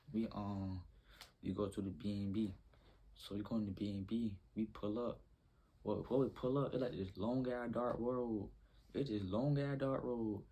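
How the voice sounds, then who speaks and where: A man's voice: on the low side, mellow, breathy edge. A young man telling a rambling, slangy story in a casual storytime vlog.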